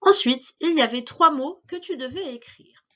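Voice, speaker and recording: A woman teacher giving a spelling dictation to young pupils, articulating slowly and repeating each word. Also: high-pitched, animated, bright, forceful tone, lo-fi sound.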